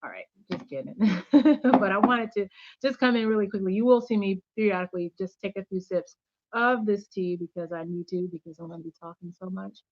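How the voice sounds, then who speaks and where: A woman's voice: medium pitch, fast talker, no room sound, muffled recording. Upbeat woman hosting a faith livestream. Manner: chatty, upbeat, greets viewers by name and thanks them. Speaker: channel host giving faith-based teaching. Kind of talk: casual livestream chat.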